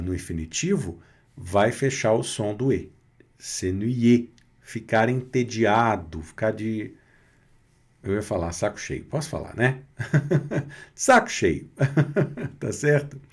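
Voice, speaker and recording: A Brazilian man teaching French pronunciation, slowly repeating each word and checking in with short tag questions. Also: fairly low pitch. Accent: Brazilian Portuguese. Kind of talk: pronunciation lesson over slides.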